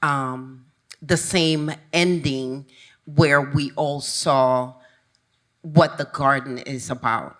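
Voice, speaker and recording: A woman's voice: very deep voice, steady tone, extremely slow. A woman from Honduras, speaking as an advisor on a panel, reflective and searching for words as she talks. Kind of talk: panel discussion.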